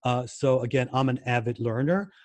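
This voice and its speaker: An American man talks through interview answers in an easy, conversational way. He fills gaps with "uh" and restarts his phrases, and he repeats words to stress a point. His voice sits in a middle pitch and sounds dry and close to the mic. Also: moderate pace, darkish tone, no echo. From United States. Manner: many fillers and restarts, repeats words for emphasis. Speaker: guest language educator.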